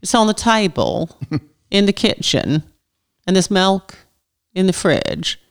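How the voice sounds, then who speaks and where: A woman's voice: mid-range voice, big pitch swings, slow. A woman voicing a polite, matter-of-fact English woman with an English accent, her phrases falling at the end.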